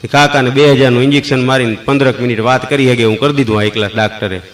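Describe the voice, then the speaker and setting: A man's voice: medium pitch, steady tone, fast talker. A man with a Kathiyawadi Gujarati accent telling folksy comic stories, acting out characters and laughing at his own punchlines. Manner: acts out characters' lines and sings snatches of procession songs. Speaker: stand-up comedian telling jokes. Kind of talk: folksy joke-telling monologue.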